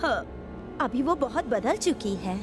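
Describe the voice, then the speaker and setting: A scheming, gossipy aunt. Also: female voice, a little high, big pitch swings, takes it slowly, over music. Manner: sly, gossiping, contemptuous. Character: scheming middle-aged aunt of a wealthy household. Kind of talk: TV serial dub acting.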